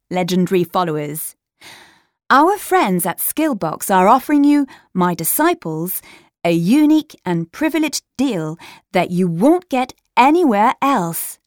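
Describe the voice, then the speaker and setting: A woman's voice: a little high, no echo. A woman reading a scripted podcast sponsor message in an upbeat, boastful sales tone, recorded in a studio. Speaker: voice actor reading an exam audio script.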